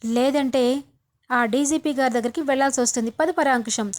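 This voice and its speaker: A woman's voice: high voice, brisk, close to an everyday voice. A woman reading the lines of a confident young man who taunts and threatens a policeman in a soap retelling. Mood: taunting.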